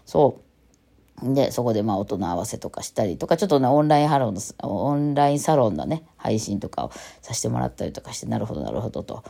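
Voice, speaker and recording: A woman's voice: a bass voice, big pitch swings, fast talker, vocal fry, mellow. A woman with an Osaka Kansai accent, hosting a casual solo talk show in a chatty, rambling way with lots of fillers. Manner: rambling and chatty, with many fillers and self-corrections. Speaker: musician and podcast host.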